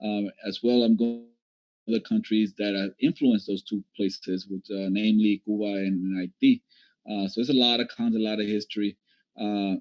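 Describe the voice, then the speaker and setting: A man from Puerto Rico and the Dominican Republic gives a talk on a video call in a relaxed, chatty way. His voice sits low, and the call audio is dull and lo-fi. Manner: relaxed and chatty, with frequent fillers. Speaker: guest presenter. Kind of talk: casual presentation on a video call.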